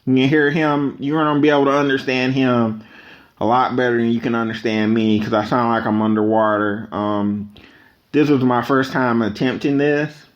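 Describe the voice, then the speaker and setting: A man's voice: mid-range voice, fairly even intonation, normal speed. A man talking casually and unscripted as a solo podcast host, with rambling conversational asides. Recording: slightly dull, lo-fi microphone audio.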